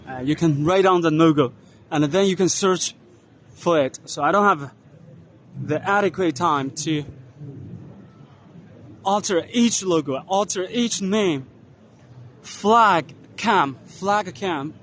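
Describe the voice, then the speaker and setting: A man casually narrating a walking tour of a trade expo, unhurried, spelling out brand names letter by letter as he walks. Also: sits high, fairly bright tone, a little hiss or hum. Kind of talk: casual walk-and-talk narration. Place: large indoor trade expo hall.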